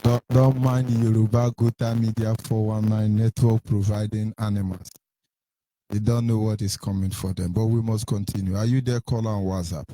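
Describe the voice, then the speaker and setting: A man's voice: on the low side, level tone, moderate pace, warm tone, dry recording, low-quality recording. A man with a Nigerian accent hosting a live radio call-in show. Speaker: radio phone-in host.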